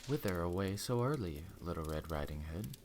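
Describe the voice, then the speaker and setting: Guy doing a sly wolf from a storybook, low and soft, polite but wicked, slight hiss. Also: animated, moderate pace. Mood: coaxing, courteous.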